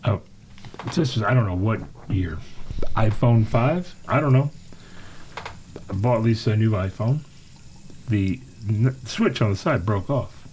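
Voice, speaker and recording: A man co-hosting a casual podcast, telling stories with swearing and acting out his own shouting. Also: on the low side, measured pace, long pauses, slight background noise, poor audio. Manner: profane, animated storyteller acting out shouting. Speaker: podcast co-host. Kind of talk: casual chat.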